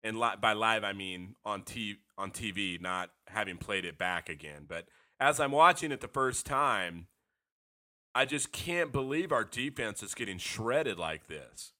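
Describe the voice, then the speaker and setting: Guy with a cold hosting a sports podcast, scratchy but bright voice, rambly fan talk. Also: fairly low pitch, lively intonation, unhurried. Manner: frank, rambling, self-deprecating fan talk. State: hoarse from a cold. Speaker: podcast host.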